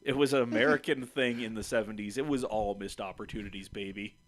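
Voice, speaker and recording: A man's voice: lowish voice, fast, no echo. A man bantering casually on a live stream in a brash frat-bro manner, slangy and full of swearing.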